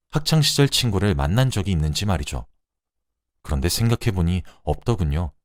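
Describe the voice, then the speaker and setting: Brief: male radio-drama narrator, low and animated, very dry close sound. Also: no room sound. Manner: expressive first-person storytelling.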